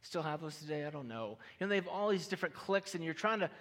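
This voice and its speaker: A man's voice: fairly high pitch, expressive, quick pace, fairly bright tone. A man preaching a sermon, telling a personal story with light humor and talking directly to the audience. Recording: reverberant hall.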